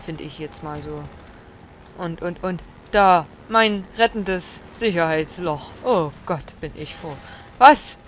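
A woman's voice: lowish voice, takes it slowly, a little hiss or hum. A woman giving blind let's play commentary, swearing, exclaiming and scolding the enemies aloud.

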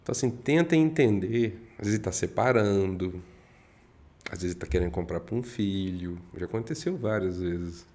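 A man's voice: low voice, mellow. A man from Minas Gerais with a mineiro accent, a real estate broker chatting unhurriedly as a podcast guest, dropping in many tag questions. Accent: Minas Gerais Brazilian Portuguese. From Minas Gerais, Brazil. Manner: speaks somewhat slowly, with frequent fillers and rhetorical tags. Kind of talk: casual podcast chat.

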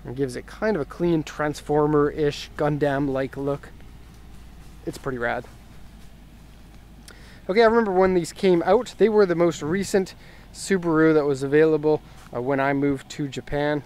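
A man's voice: a little high, a little mellow. A man giving a casual walkaround review of an imported car outdoors on a residential street, talking easily with fillers as he thinks aloud, recorded on a handheld camera mic. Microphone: handheld camera mic, filming himself off-camera.

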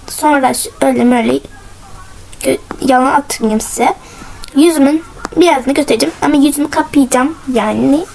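A young woman giving casual gameplay commentary as a channel host, excited, giggly, cheering herself on. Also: high voice, vocal fry, a little hiss or hum, low-quality recording.

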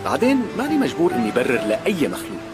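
An actor playing a defensive, teasing young bachelor in a TV drama dub, with a Syrian Arabic accent. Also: male voice, medium pitch, wildly swooping pitch, very fast. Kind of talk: dubbed TV drama dialogue. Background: loud music.

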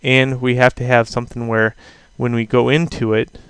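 A man teaching a software tutorial over a screen recording, talking casually and thinking aloud with fillers. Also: mid-range voice, flat delivery, moderate pace, smooth, no room sound. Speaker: instructor.

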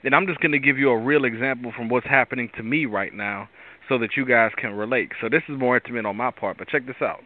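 Raspy, tired man on a phone-like line. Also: medium pitch, fast. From Pittsburgh area. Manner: rambling, restarts often, preachy asides. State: tired from lack of sleep. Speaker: host. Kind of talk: casual devotional talk. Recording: tinny phone-line sound.

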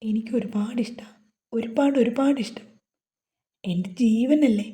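A woman's voice: on the high side, unhurried, warm tone, lightly acted. A woman voicing a shy, emotional young wife who pleads earnestly in a romance novel reading. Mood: tearful earnest.

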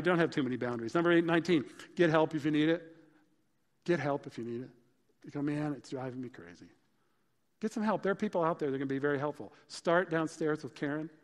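A male pastor preaching a sermon, listing his points in a punchy, lively way. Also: on the high side, long reverb tail. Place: church sanctuary.

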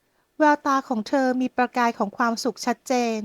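A woman's voice: fairly high pitch, steady tone, fairly quick, no echo. Woman narrating a romance audiobook.

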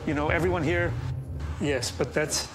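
A man's voice: a little high, fairly even intonation, normal speed, music in the background. A man in his fifties, a baker, chatting casually and repeating himself as he walks by a harbour. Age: 50s. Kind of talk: casual chat on a walk. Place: outdoors at an old harbour.

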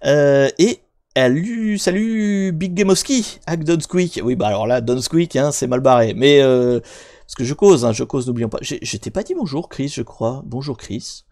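A man's voice: medium pitch, darkish tone. A man hosting a hacking live stream, talking casually and rambling, with lots of fillers and restarts, and joking directly with his viewers. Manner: jokey, talks directly to viewers.

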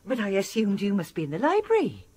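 A woman playing a deferential, flustered housekeeper in a radio drama, husky and apologetic. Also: medium pitch, huge pitch swings, fast, darkish tone. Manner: apologetic, servile.

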